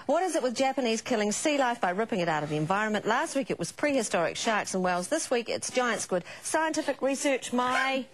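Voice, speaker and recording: A middle-aged woman, chatting and reading out viewer messages on morning TV. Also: mid-range voice. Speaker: morning TV presenter. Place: TV studio.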